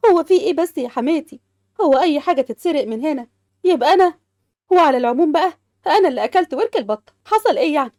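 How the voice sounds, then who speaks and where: Snappy Egyptian housewives trade barbs at high speed, as a woman voices them. Her voice runs high and quick, recorded close and dry. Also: animated, mellow, no room sound. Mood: defensive. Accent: Egyptian Arabic. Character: adult sisters-in-law, sharp-tongued and bickering.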